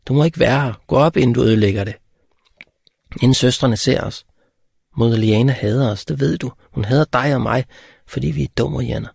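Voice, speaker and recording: A man's voice: mid-range voice, gravelly, darkish tone, breathy edge, no echo, studio quality, voice pushed up. A man voicing a teasing wayward girl. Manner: teasing, bossy. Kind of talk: audiobook character voice.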